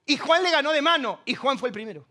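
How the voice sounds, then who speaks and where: High-voiced Argentine pastor preaching. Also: male voice, lively intonation, fast talker, sharp tone. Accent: Argentine Spanish. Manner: humorous storytelling, acts out voices. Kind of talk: sermon.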